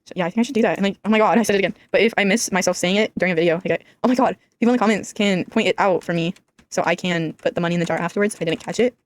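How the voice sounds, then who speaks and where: A teenage girl, a gaming YouTuber, rambling casually over her gameplay at home in a deliberately flat, monotone voice, filling her talk with "like.". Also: on the low side, no echo. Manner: rambling, flat monotone delivery, says "like" constantly.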